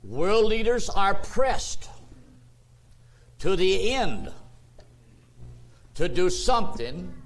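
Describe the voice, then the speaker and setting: A man preaching a sermon as pastor, slow and deliberate, drawing out words for emphasis. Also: high-pitched, very animated, rough recording. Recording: church sermon tape.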